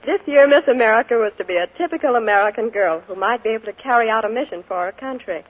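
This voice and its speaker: A young adult woman, a guest on a scripted radio interview, speaks cheerfully, modestly and earnestly. Her slightly high voice has lively intonation and she talks fast. The audio has the tinny quality of a 1940s radio broadcast.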